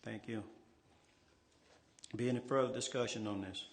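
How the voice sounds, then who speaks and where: A man's voice: medium pitch, fairly even intonation, normal speed. A man presiding over a council meeting as its president, running formal procedure. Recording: noisy meeting room ambience.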